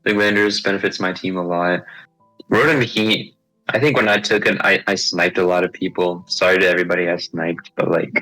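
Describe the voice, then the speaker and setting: A man's voice: low-pitched, steady tone, brisk, bright, forceful tone, faint music behind, poor audio. A tired young man as a guest in a casual chat, speaking hesitantly with many fillers and restarts.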